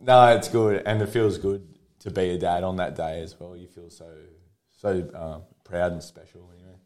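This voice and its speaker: A man in his thirties with an Australian accent, talking candidly as a podcast guest. His voice sits on the lower side, and he tells personal stories in an open, easygoing way, often breaking into a laugh. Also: steady tone, normal speed, darkish tone. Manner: open, storytelling, laughs easily. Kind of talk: casual conversation.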